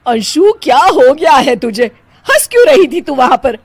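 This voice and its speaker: A woman's voice: high-pitched, big pitch swings, moderate pace, no room sound. A woman voicing a fussy older mother-in-law who bosses and scolds her daughter-in-law. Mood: scolding. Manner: scolding, bossy.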